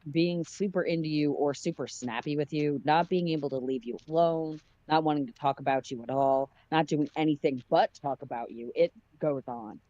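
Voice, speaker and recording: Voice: mid-range voice, normal speed, hardly any pauses, mellow, no echo, lo-fi sound, close to an everyday voice. A reader voicing a teasing, wisecracking young man friend with pointed remarks.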